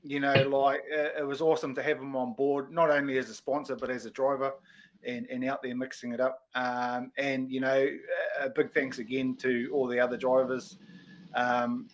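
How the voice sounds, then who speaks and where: A man with a broad Kiwi accent chats as a show guest. His pitch is average for a man. He speaks casually and haltingly, with plenty of "you know". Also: little pitch movement, slight background noise, poor audio. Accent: broad New Zealand. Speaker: online speedway series guest. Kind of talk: casual live-stream chat.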